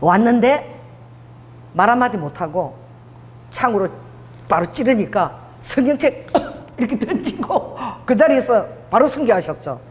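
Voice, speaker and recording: A woman's voice: a little high, unhurried. A middle-aged woman pastor with a Busan accent preaching a sermon, telling stories animatedly and acting out dialogue. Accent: Busan dialect. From Busan, South Korea. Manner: animated storytelling, acts out dialogue, laughs often. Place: church sanctuary. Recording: long hall reverb.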